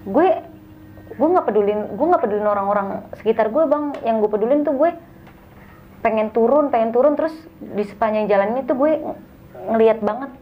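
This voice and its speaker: A young woman, telling a story as a guest in a casual, animated way and acting out the dialogue. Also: on the high side, a little fast, highs cut off, a little hiss or hum.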